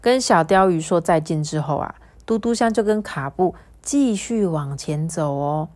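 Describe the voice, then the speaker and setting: A mother reading a storybook aloud to her child, animated and coaxing, pausing to ask questions. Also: on the low side.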